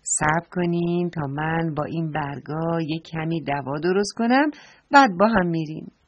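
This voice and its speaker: A woman voicing a wise, motherly hoopoe bird in a children's story, calm, slow and a little breathy. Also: sits low, dry recording, highs cut off, pitched below the performer's own voice.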